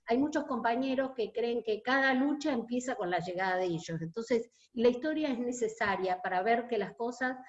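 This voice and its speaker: A woman with an Argentine accent, a union delegate, earnestly recalling a protest march in an online meeting. She pauses often and fills gaps as she talks. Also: a little high, animated, dull audio. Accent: Argentine Spanish. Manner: hesitant, many filler pauses, earnest. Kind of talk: reminiscing testimony in an online meeting.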